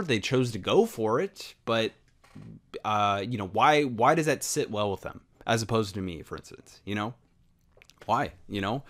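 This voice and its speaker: This unscripted solo podcast comes from a young man in the United States whose mid-range voice has a fairly bright tone. He wanders from point to point, leaning on fillers, rhetorical questions, and casual profanity.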